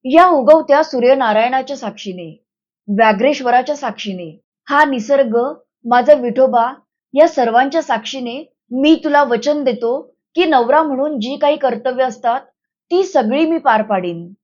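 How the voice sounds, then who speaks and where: A strong-willed village man speaks with steady, reassuring firmness, voiced by a woman reading a novel aloud. The voice sits high and carries little real disguise. The recording is slightly dull and lo-fi. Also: normal speed. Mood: firm, tender.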